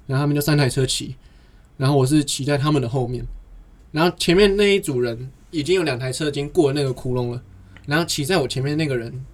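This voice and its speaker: A man's voice: medium pitch, fast. A young man, chatting casually and telling rambling anecdotes that run on with "and then". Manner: long rambling anecdotes told in a chain of "and then". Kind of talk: casual podcast chat.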